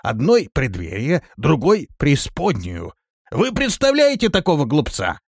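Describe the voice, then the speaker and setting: A man's voice: fairly high pitch, wildly swooping pitch, normal speed, vocal fry, slightly rough, no room sound, clean studio sound, pitched above the performer's own voice, exaggerated voice. A man voicing a boastful, whining, cowardly male creature in an audiobook.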